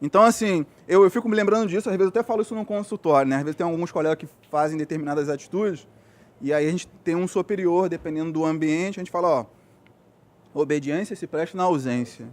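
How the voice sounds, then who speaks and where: A man's voice: sits high, steady tone, quick pace. A Brazilian man, a physiotherapist, giving an earnest motivational speech to young athletes, checking in often with his listeners. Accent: Brazilian Portuguese.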